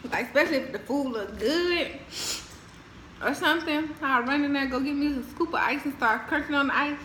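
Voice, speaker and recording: A woman's voice: high voice, a little fast, sharp tone. American woman chatting through crunchy snacks, roomy echo. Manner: chatting between bites while crunching chips and ice; informal, repeats phrases for emphasis. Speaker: mukbang vlogger. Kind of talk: casual chatty eating show. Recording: roomy echo, faint background noise.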